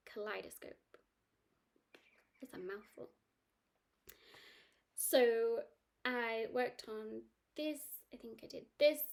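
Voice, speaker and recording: A woman's voice: a little high, vocal fry. A woman chatting casually about her cross-stitch projects, rambling with lots of ums and restarts. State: has the hiccups. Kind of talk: casual chat.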